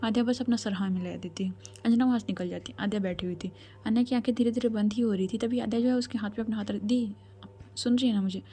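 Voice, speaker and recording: A woman's voice: a little high, steady tone, quick pace, dark tone, slightly rough. A woman storyteller retelling a love story in a chatty, casual way, full of fillers.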